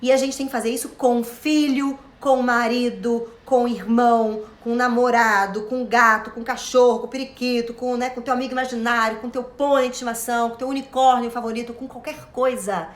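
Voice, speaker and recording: Brazilian woman giving a self-help talk, high voice, chatty and dramatic, echoey room. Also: steady tone, a little fast, hardly any pauses. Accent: Brazilian Portuguese. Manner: chatty and theatrical, calls listeners "love" and "my dear". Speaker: self-knowledge lecturer. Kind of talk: informal motivational lecture.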